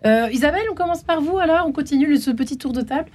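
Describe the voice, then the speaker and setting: A woman's voice: high voice, rapid-fire, darkish tone. Effusive woman radio host. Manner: enthusiastic, effusive. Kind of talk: casual studio chat. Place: radio studio.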